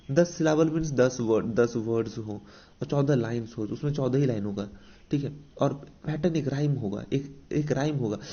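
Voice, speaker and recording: A man's voice: medium pitch, mellow, highs cut off. A man with an Indian accent teaching English vocabulary for exam coaching, explaining each word with repetition, rhetorical questions and English definitions woven into Hindi speech.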